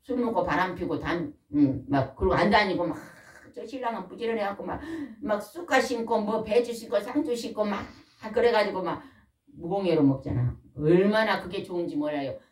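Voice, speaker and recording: An older woman preaching a folksy, animated sermon in a church, often asking the congregation questions. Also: mid-range voice, fairly quick. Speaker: pastor's wife preaching. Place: church hall. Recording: echoey room, mic at a distance.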